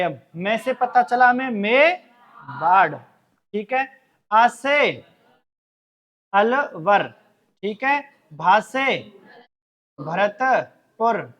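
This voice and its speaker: Slow, emphatic man teaching a class. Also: high voice. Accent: Rajasthani Hindi. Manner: loud, emphatic, drills words syllable by syllable. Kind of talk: classroom lecture with memory trick.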